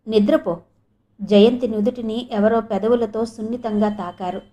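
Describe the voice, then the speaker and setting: A woman narrating a novel as an audiobook in a measured, expressive storytelling manner. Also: a little high. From India.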